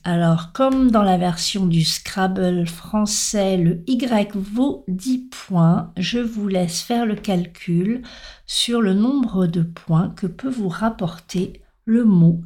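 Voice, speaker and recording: Slow, mellow-voiced teacher woman. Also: mid-range voice. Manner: deliberate, spells letters out and stresses example words. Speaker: French pronunciation teacher. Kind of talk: slow, careful spoken lesson.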